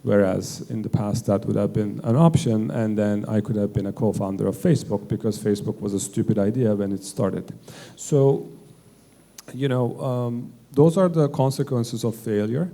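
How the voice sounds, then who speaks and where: Male panelist, low and gravelly, earnest talk full of restarts. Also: steady tone, dark tone. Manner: earnest, halting, rephrasing mid-sentence. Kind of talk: fireside chat on stage.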